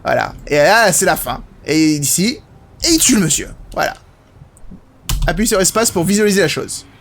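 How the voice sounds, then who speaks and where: A young man from France giving excitable, casual commentary as he plays a video game, swearing now and then. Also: high-pitched, normal speed, gravelly, a little hiss or hum. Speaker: gaming video host. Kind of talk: casual let's-play commentary. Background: game music.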